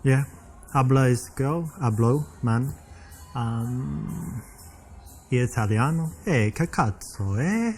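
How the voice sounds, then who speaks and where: In this interactive game scene, the same kind of performer, a thirty-something British actor and dating coach, voices a tactless, bragging young man rambling through a date. He speaks slowly with lively intonation in a mid-range, darkish voice, over faint music.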